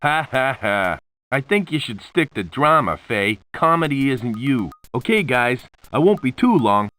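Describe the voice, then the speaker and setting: A man's voice: medium pitch, very animated, unhurried, pushed and bright. A man playing a laid-back, wisecracking adventurer pilot in a video game. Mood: wry.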